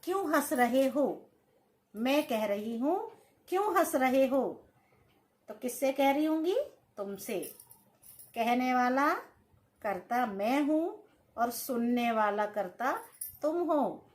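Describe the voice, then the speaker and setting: Very slow, deliberate woman teacher. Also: sits high, lively intonation. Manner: dictates word by word, stretching each word. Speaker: Sanskrit teacher. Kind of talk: slow classroom-style grammar lesson.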